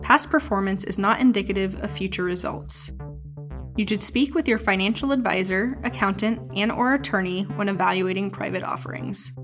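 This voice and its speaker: A woman's voice: medium pitch, normal speed, fairly bright tone. A woman announcer delivering a scripted legal disclaimer in a formal read. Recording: music bed under the voice. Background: synthesizer music.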